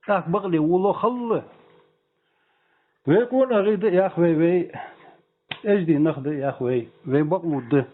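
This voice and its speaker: Over a tinny telephone line with music behind, a man with a slightly high voice speaks slowly, leaving long pauses. He's a native speaker calling in, asking questions in an informal, argumentative way.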